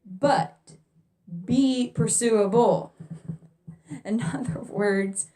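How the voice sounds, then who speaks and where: Young woman vlogging, slow unhurried talk, chatty faith advice to singles, says stuff twice. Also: a little high, dark tone. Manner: repeats key points, talks straight to viewers. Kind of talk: casual faith advice to camera.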